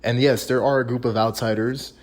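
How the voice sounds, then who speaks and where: A man's voice: medium pitch, fairly even intonation, brisk, darkish tone. A man hosting his own video, giving casual, emphatic commentary and repeating his key phrases. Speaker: video host.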